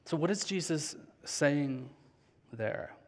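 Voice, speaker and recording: A man in his thirties preaching a sermon on a large church stage with a headset mic, earnest and slowing down on key phrases. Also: fairly high pitch, expressive. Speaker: pastor. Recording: long hall reverb.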